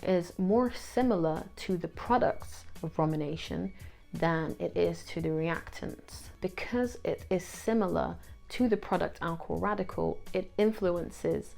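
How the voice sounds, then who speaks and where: A woman tutor with a gravelly, creaky voice reads out revision questions and answers each one, dropping dry asides in between. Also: lowish voice, a little slow, darkish tone, soft background music.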